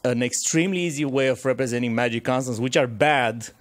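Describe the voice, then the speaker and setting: At a technical conference, a hoarse man in the audience asks a long, challenging question, full of fillers and restarts. He speaks fast in a mid-range voice.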